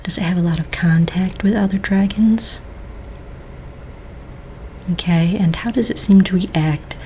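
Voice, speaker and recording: A woman in a soft-spoken ASMR roleplay plays a polite, patient office manager at a fantasy pet registry. Her fairly low, fairly even near-whisper is breathy, calm and unhurried, pausing hesitantly as she checks paperwork while a keyboard clicks amid faint-to-clear background noise.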